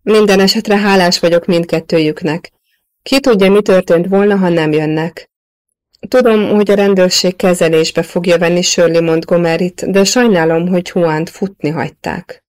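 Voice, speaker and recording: A woman's voice: lowish voice, steady tone, a little mellow, natural voice. A woman reading the part of a wry, grateful man in an audiobook novel. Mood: earnest.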